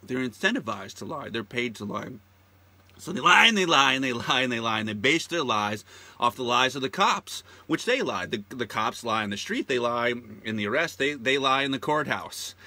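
A man's voice: medium pitch, expressive, normal speed, pushed and bright. A man hosting his own show, delivering a profane, indignant and sarcastic ranting monologue that hammers its words through repetition. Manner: repeats words heavily for emphasis. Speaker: show host.

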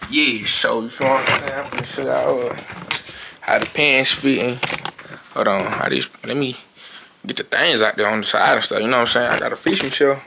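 Speaking at normal speed with a medium-pitched voice, a young male vlogger talks casually to his camera at home in his bedroom. He's slangy and tends to repeat phrases, and there's clearly noisy background sound.

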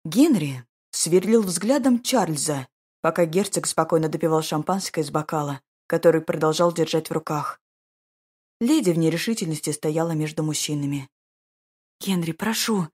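A woman narrating an audiobook in a slow, even, measured reading style. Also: low voice, husky. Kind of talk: scripted narration of a romance novel.

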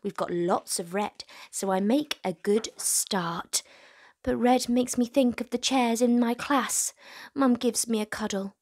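Here a young woman in her twenties reads to kids and cheers them on, speaking straight to her young audience. Her pitch is on the high side, her delivery measured, and her tone a little mellow.

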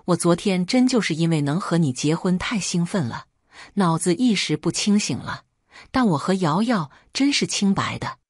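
A woman's voice: on the low side, animated, normal speed, breathy edge, no room sound. A woman reading the lines of a defensive young man in a spoken story, voicing them close to her own voice. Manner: pleading then impatient.

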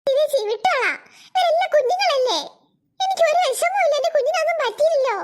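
A woman's voice: very high-pitched, animated, fast, a little hiss or hum. A woman voicing a kind, cheerful auntie in a cartoon, sweet and soothing.

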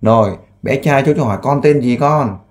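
Man, volunteer interviewer, mid-pitched voice, soft coaxing questions, earnest appeal. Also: moderate pace. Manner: earnest, pleading appeal with frequent fillers. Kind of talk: on-the-spot interview and appeal to camera.

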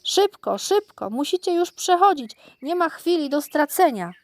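A woman voicing a small lively female monkey in a children's audiobook, high and excited. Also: a little slow, no room sound. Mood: urgent.

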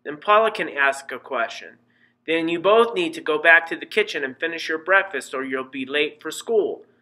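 A man's voice: a little high, expressive, normal speed, pushed and bright, rough recording. Man voicing a worried, insistent mother. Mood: firm, motherly. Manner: pleading, insistent. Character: worried, persistent mother, middle-aged woman.

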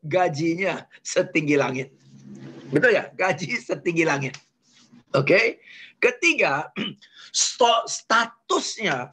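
A man delivers a leadership webinar in a lively lecturing style, often checking in with his audience. His voice is somewhat husky and pitched a touch above the usual. He jumps into high, animated voices when acting out arguments. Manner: acts out quarrels in sudden high voices. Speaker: leadership trainer.

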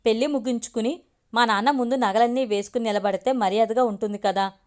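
A woman voicing a scheming young man who smoothly pressures his girlfriend in a storybook. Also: fairly high pitch, fairly even intonation, a little fast, a little mellow, natural voice. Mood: pressuring. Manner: insistent, smooth-talking.

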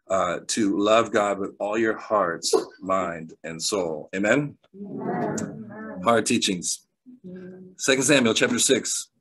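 A man preaching a sermon, telling stories with bursts of excitement, laughter and quieter asides. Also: on the low side, slightly rough, poor audio. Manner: animated storyteller, laughs often, jumps between loud excitement and quiet asides.

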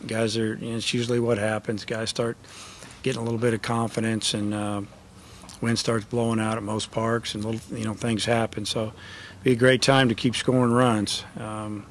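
A man's voice: fairly low pitch, flat delivery, normal speed, a little hiss or hum. A middle-aged man, a college baseball head coach, answering questions at a post-game press conference in a matter-of-fact way, with lots of fillers. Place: press conference room with a sponsor backdrop. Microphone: table microphone.

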